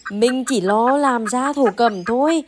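A woman's voice: a little high, takes it slowly. A woman playing a struggling village wife who speaks earnestly and pleads with her husband. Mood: pleading. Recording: noisy outdoor skit recording.

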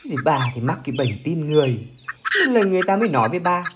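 A man playing a stubborn, proud poor village husband who talks gruffly and dismissively and is quick to shout. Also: fairly high pitch, big pitch swings, heavy background noise. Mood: angry. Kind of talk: amateur village skit acting.

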